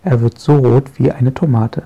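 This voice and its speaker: A man narrating a children's audiobook in a gentle, lively storytelling manner, with a gravelly, husky voice. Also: mid-range voice, normal speed, lo-fi sound.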